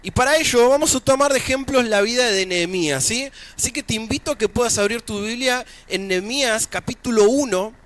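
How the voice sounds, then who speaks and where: Man, argentine accent, preacher, sermon, very high voice, conversational. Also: fairly bright tone. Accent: Argentine Spanish. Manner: conversational, joking asides between scripture readings. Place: church service.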